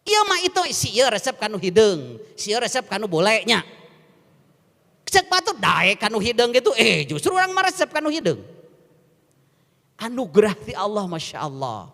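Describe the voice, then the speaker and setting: Lively Sundanese-accented preacher in echoey mosque. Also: male voice, high voice, moderate pace, creaky. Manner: lively, asks the congregation questions and mixes languages. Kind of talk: mosque sermon. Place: mosque hall.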